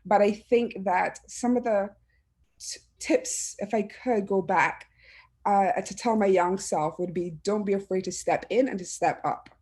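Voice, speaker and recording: A woman's voice: mid-range voice, unhurried, a little mellow. A woman from Barbados, speaking earnestly and from the heart as a panelist on a video call, often restarting her phrases. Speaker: panelist, education administrator. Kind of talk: reflective personal talk on a panel.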